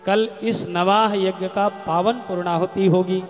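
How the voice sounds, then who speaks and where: A man with a high, measured voice delivers a devotional scripture discourse, chanting verses in a melodic style between slow spoken passages. His voice rings with long reverb through a large hall, with soft music underneath. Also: fairly even intonation. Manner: chants Sanskrit verses in a sung style, then explains in speech. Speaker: katha preacher.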